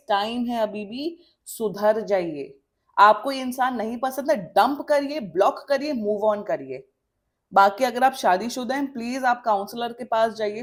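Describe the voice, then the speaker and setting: A woman from India giving a tarot reading, blunt and scolding with emphatic warnings, switching between Hindi and English mid-sentence. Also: fairly high pitch. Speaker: tarot reader. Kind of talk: tarot reading monologue to camera.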